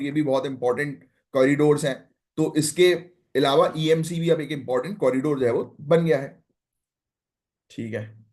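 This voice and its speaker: A man's voice: on the high side, a little mellow. A young man teaching current affairs for exam prep, chatty and direct, mixing English terms in and checking in with "है ना?". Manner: conversational Hindi-English mix, frequent "है ना?" and "ठीक है"; direct, advising students what to note.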